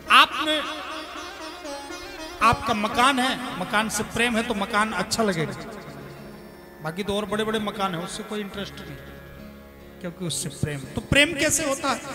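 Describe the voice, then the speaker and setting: A man, acting out his characters' cries and quarrels. His voice rings with a long reverb in a large hall, and music plays clearly behind him. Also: sits high. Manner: animated, acts out characters' cries and voices in stories. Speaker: preacher. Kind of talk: devotional sermon with storytelling.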